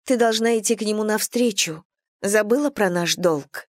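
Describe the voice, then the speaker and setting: A woman voices a caring young noblewoman, the husband's sister, who turns anxious, pleading and stern by turns. The character's raised, dry voice is pitched above the performer's own, landing at medium pitch at normal speed, natural-sounding with no room sound.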